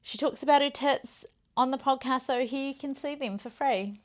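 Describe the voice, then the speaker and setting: A woman's voice: sits high, normal speed. A woman, hosting a podcast and chatting cheekily through party photos. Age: 30s. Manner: cheeky, loud, laughing. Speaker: podcast host. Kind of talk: casual chat showing photos.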